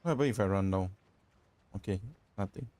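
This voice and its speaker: A male streamer talks casually over his gameplay, reacting aloud to what happens on screen. His voice is fairly low, with faint game music running behind him. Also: a little fast, darkish tone.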